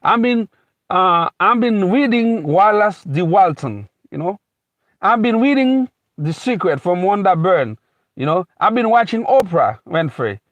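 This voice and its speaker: With a high, expressive voice and a measured pace, this Haiti-born speaker based in America delivers a motivational talk off the cuff. He wanders, says things more than once, restarts phrases often, and leans on "you know." The recording has no room sound and the highs are cut off.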